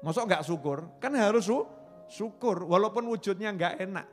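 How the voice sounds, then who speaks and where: High-voiced Javanese preacher, folksy and animated. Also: male voice, moderate pace, soft background music. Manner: folksy, animated, mixing in Javanese phrases, acts out quoted people. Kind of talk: Islamic sermon.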